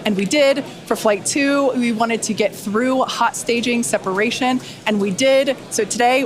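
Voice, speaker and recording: Female live webcast host, somewhat high voice, presenting.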